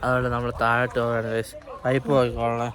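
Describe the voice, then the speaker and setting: A man's voice: mid-range voice, monotone, racing, fairly bright tone. A man with a Kerala Malayali accent chatting informally to viewers on a walking vlog, mixing in English words. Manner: informal, addresses viewers as guys constantly. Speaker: vlogger. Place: outdoors in a hill park.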